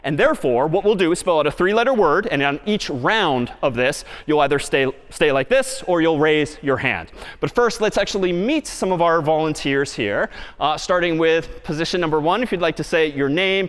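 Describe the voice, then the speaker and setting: A man giving a university lecture on stage, lively and often putting questions to the audience. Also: on the high side, normal speed, hardly any pauses. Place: large lecture hall stage. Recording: long reverb of a lecture hall.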